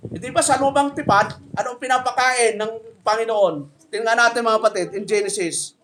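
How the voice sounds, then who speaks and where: Man, middle-aged, Filipino accent; pastor giving a chatty, humorous sermon, very high pitch. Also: a little fast, a bit bright, slight background noise. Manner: jokey, conversational preaching with audience questions.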